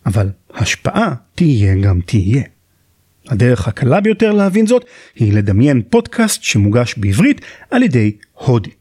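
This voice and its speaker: A man's voice: fairly low pitch, dark tone, husky, no echo, clean studio sound. An Israeli-accented man from Israel narrates a scripted podcast as its host, in an explanatory, articulate way.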